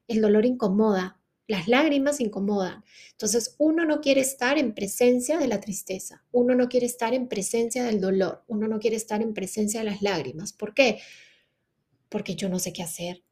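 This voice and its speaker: A woman's voice: medium pitch, darkish tone. A woman speaking earnestly in a reflective solo podcast, often asking rhetorical questions and adding a questioning tag. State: grieving mother. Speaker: podcast host.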